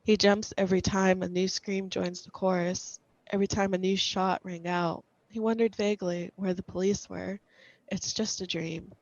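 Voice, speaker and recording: A woman reading a scripted horror story aloud in a measured, suspenseful way. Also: medium pitch, darkish tone, no echo, highs cut off.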